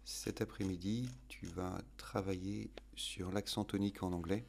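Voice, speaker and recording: Very slow, deep, gravelly male teacher. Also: darkish tone, slight background noise. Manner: slow, careful, stresses each example word. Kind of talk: recorded home-study lesson.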